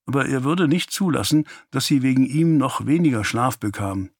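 A man reading a novel aloud as an audiobook narrator, calm and even. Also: medium pitch, normal speed, husky, no echo, studio quality. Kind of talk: scripted narration.

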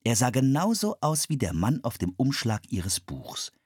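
A man reading a children's story aloud in a lively, expressive way. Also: mid-range voice, moderate pace, slightly rough, no echo, studio quality.

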